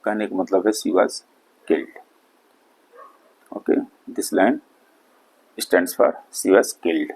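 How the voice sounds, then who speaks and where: A male lecturer works through exam questions at a very slow, deliberate pace. His voice sits slightly low, and he drops into rapid Hindi asides to explain each answer. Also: a little mellow, slightly rough, poor audio. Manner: reads questions slowly then explains in quick Hindi asides. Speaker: English literature lecturer. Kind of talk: exam-prep lecture in Hindi-English mix.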